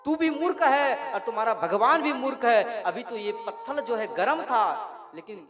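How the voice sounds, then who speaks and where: A man's voice: extremely high pitch, expressive, measured pace, pitched above the performer's own voice. A man voicing an arrogant demon king who mocks and taunts, in a devotional story. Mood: mocking. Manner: mocking, taunting, scornful laughter. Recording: reverberant hall with music behind.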